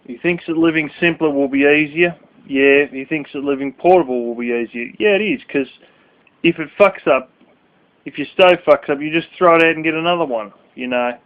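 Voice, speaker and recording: A blunt, foul-mouthed man rambles through a casual vlog rant late at night, sleepy and yawning. His voice sits a bit high for a man. The sound is thin and tinny, like a phone line. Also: normal speed. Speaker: vlogger.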